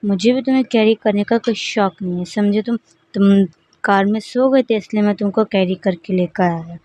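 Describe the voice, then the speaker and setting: A woman voicing a calm, blunt young man in a storybook reading. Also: medium pitch, moderate pace, natural voice.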